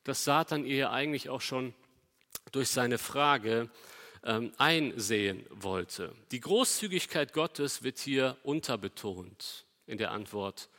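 The preacher speaks slowly but animatedly in a medium pitch, filling a large hall with an emphatic sermon. He asks the congregation rhetorical questions and moves from loud emphasis to quiet moments.

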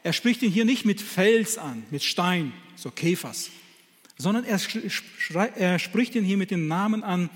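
A man preaching a sermon, speaking haltingly with many restarts and acting out quoted scripture. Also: sits high, expressive, long reverb tail. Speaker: lay preacher.

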